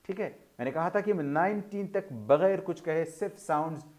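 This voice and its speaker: Man, pronunciation teacher, video lesson, formal wording, slow drawn-out examples, fairly high voice. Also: darkish tone. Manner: slow, drawn-out model pronunciations between explanations; formal, Urdu-flavoured vocabulary.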